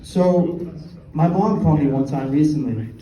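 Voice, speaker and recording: A young man performs stand-up, his voice dark and mellow and a little higher than most. He delivers dry, halting lines with deadpan punchlines. The sound is roomy and distant, with a faint hum of ambience behind him. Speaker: stand-up comedian. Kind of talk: stand-up set.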